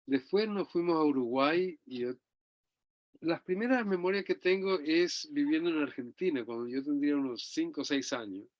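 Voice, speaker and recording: A man's voice: a little high, no room sound. Older man reminiscing in a dull, dry recording. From Chile. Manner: rambling, warm storytelling with tag questions. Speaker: interview guest. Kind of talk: reminiscing conversation.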